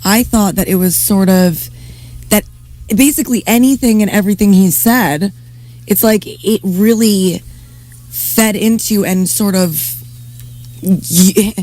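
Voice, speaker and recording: A woman presents a casual radio interview as host. Her voice is mellow and relaxed, sitting at an average pitch for a woman. She talks conversationally, like a journalist chatting with guests. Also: slow pace.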